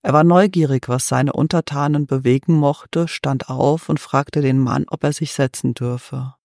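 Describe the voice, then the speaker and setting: A man narrating a fairy-tale story in a measured, even reading. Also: medium pitch, creaky, no room sound, clean studio sound.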